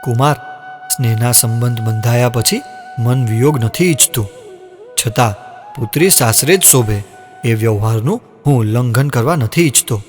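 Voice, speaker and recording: A man's voice: mid-range voice, moderate pace, lightly acted. An actor playing a dignified older king who speaks with sorrow about parting with his daughter. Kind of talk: devotional audio drama. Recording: long reverb, music underneath.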